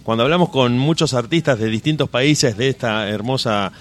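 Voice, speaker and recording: A man's voice: medium pitch, normal speed. A man hosting a radio show, speaking in long, flowing, friendly sentences as he wraps up an interview. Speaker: radio host.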